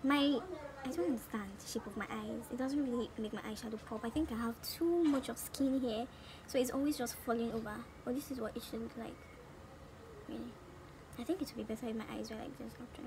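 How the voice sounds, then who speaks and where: A woman's voice: a little high, brisk. A woman in her twenties with a Nigerian accent, chatting casually and animatedly as a beauty vlogger. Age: 20s. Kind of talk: casual chat during a makeup tutorial. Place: small room at home. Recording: noticeable background noise.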